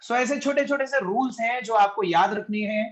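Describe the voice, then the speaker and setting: A man's voice: very high voice, normal speed, fairly bright tone. A man teaching a chemistry class online, patiently explaining and calling on students by name, mixing Hindi with English.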